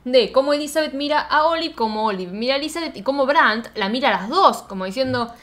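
A woman's voice: high-pitched, animated, fast talker, a bit bright. A woman with an Argentine accent retelling a film scene by scene in casual, slangy chat, often laughing. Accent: Argentine Spanish.

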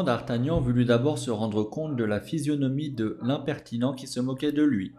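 A man hosting a podcast, reading a classic novel aloud in a measured, expressive storytelling manner. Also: medium pitch. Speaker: podcast host and audiobook reader. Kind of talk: audiobook reading.

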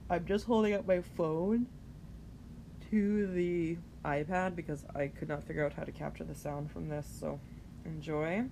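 Woman host, low and tired, chatty late-night podcast ramble. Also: steady tone, normal speed, gravelly, background noise. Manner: rambling, self-deprecating, chatty. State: tired, yawning. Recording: home recording, phone held up for clip.

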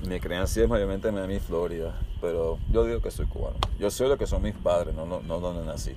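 A man raised in the United States, a skydiving guest in a casual interview, talking in a calm, matter-of-fact way and mixing in English words. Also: low-pitched, fairly quick. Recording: noisy outdoor street recording.

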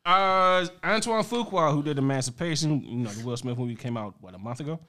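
A man with a smooth, resonant voice, hosting a relaxed film podcast. He runs through movie news with plenty of "uh"s and often breaks into laughter. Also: fairly high pitch, a little fast. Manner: laughs often, rattles off news items with fillers. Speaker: podcast host. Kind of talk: casual movie news chat.

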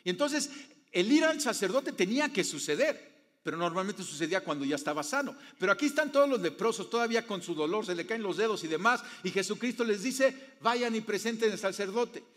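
A male pastor preaches in a high-pitched voice, his words trailing in the long reverb of a church hall. He drops to soft low phrases, then rises to loud emphatic ones, and keeps putting questions to his congregation. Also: expressive, brisk. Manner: asks the audience frequent rhetorical questions. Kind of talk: sermon.

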